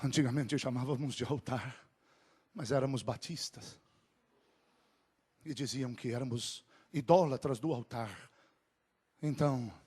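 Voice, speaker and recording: A man preaching a sermon, moving from low, quick talk to drawn-out shouted climaxes. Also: husky.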